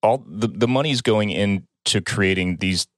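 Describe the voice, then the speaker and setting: A man's voice: on the low side, a little slow, no echo, studio quality. A man co-hosting a podcast, talking reflectively in a casual chat. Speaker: podcast co-host.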